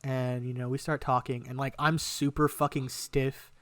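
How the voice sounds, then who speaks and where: A young man telling a long personal story on a podcast in a casual, animated way, swearing freely. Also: mid-range voice, normal speed, dry recording. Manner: animated, swearing a lot, quotes himself in lively bursts. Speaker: podcast co-host.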